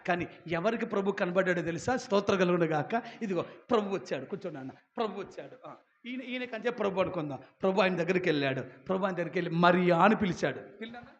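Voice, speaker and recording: A man preaching a Telugu sermon, animated, acting out voices and calling out to the congregation. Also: high voice, fast. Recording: dull lo-fi sound.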